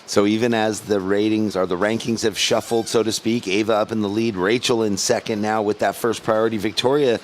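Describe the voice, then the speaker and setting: A man's voice: on the low side, fairly even intonation, fairly quick, hardly any pauses, slight background noise. A man giving live surf contest commentary in a laid-back, casual surfer manner.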